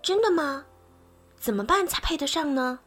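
A woman voicing a lively, naughty wooden puppet boy in a bedtime story, in an eager childlike way. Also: on the high side, moderate pace, soft background music.

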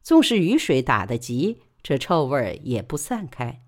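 A woman storyteller narrating a novel in a Wuhan dialect with expressive delivery. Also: rumbling low, normal speed. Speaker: audiobook storyteller.

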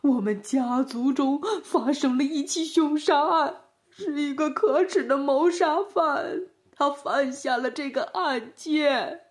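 A woman voicing a grieving male wolf who pleads loudly through tears. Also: high voice, takes it slowly. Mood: tearful pleading. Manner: sobbing, loud and pleading.

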